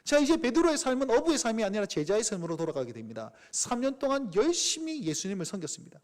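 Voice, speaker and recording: A male pastor preaching with a Gyeongsang accent, telling the story vividly. His pitch swings widely from phrase to phrase, from low asides to high exclamations. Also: fast talker. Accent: Gyeongsang Korean. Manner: animated storytelling with acted quotes. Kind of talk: sermon.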